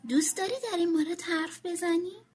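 A woman voicing a patient, gentle mother donkey who soothes and coaxes. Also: very high voice, steady tone. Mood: soothing. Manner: soothing, coaxing.

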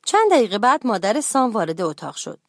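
A woman narrating a children's bedtime story in a clear, animated storytelling voice. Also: medium pitch, no echo, studio quality.

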